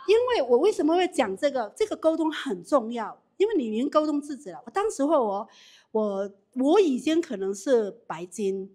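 With a high-pitched voice, a woman runs a live business training session with audience Q&A, speaking animatedly and quickly restarting sentences.

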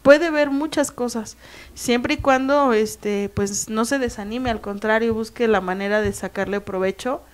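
A woman hosting a radio talk show, calmly explaining and reading out listener greetings. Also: fairly high pitch, a little slow. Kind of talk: casual radio chat.

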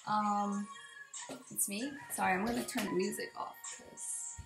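Speaking to her computer mic from desk distance, a young woman records an unscripted update in her open-plan kitchen and living room, with music playing in the background. Her medium-pitched voice is a bit raspy from allergies, drops into creak often, and keeps a fairly even intonation. She's slow, hesitant and rambling, and the room echoes noticeably.

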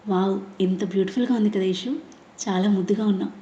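Brief: woman reading a proud, loving young husband for an audiobook. Mellow, echoey. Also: mid-range voice, fairly even intonation, quick pace, highs cut off, slight background noise, lightly acted. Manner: warm, proud.

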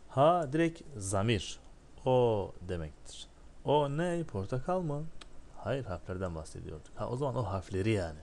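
Low-voiced man teaching a slow lesson. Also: big pitch swings, darkish tone. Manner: asks himself questions and answers them, drills syllables. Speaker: Arabic teacher. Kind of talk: step-by-step classroom lesson.

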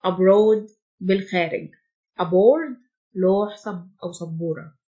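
Very slow Egyptian woman drilling vocabulary. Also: medium pitch, mellow, dull audio. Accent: Egyptian Arabic. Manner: slow, deliberate drilling, repeating each word like dictation. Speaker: English teacher. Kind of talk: vocabulary lesson, reading each word twice with meanings.

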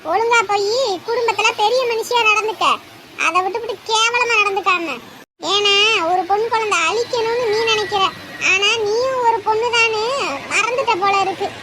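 A woman's voice: extremely high pitch, fairly even intonation, moderate pace. An actress playing a stern woman who lectures and threatens a cruel mother-in-law. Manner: scolding, lecturing, menacing. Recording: noisy background.

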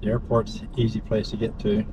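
This vlog host talks while driving in a lowish, completely flat voice at a fairly quick clip. His chat is casual and dotted with short tag questions. Car and road noise fill the interior of the moving vehicle.

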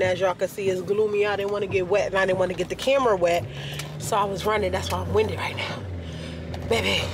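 A man vlogging in a car, chatting casually and animatedly to his viewers. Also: sits high. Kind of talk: casual chat to camera. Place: inside a car. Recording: car noise behind.

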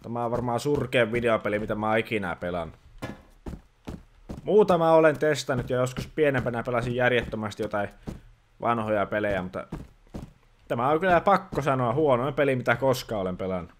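A man talks through a let's-play in a grumbling, exasperated voice, scolding the game as he goes. His pitch sits in an ordinary middle range, and he plays a fed-up dad. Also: animated, slight background noise. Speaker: gaming channel host playing a dad persona. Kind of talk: casual let's-play commentary.

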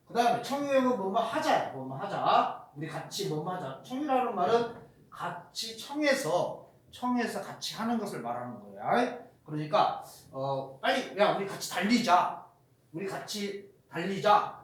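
A man teaching Korean grammar in a recorded lecture, explaining rules and speaking example sentences aloud, with frequent fillers. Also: high voice. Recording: very echoey room.

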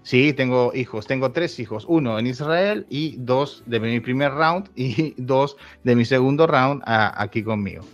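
Speaking without rushing and with few pauses, this Uruguayan man in his thirties, a YouTuber, opens up as a guest in a casual interview. His mid-range voice breaks into laughter often and he starts sentences over, all on a muffled lo-fi recording with faint music.

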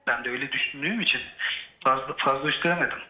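A man's voice: mid-range voice, rapid-fire, phone-quality sound. A young man speaking as a talk show guest, hesitant and full of fillers.

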